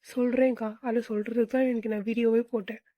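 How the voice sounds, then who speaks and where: A woman's voice: on the high side, little pitch movement, fast, no room sound, lo-fi sound. A woman earnestly telling of her own painful past, confiding and hurt. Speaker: storyteller sharing her own life. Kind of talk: emotional personal testimony.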